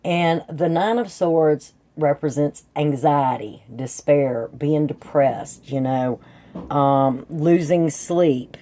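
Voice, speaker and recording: Low mellow lady w a stuffy sore throat, voice kinda breaking, casual tarot reader talking to her viewers. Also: slow. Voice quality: congested, thick sore-throat voice that breaks here and there. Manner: folksy, chatty, addresses viewers as guys. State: sore throat with sinus drainage, voice slightly off and breaking up. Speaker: tarot reader and channel host.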